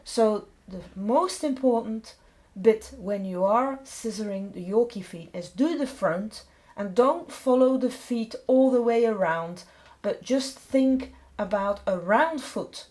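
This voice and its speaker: In an explanatory tutorial, a middle-aged Belgian dog groomer describes her grooming steps informally, using simple English since it isn't her native language. Her voice is medium-pitched with a darkish tone.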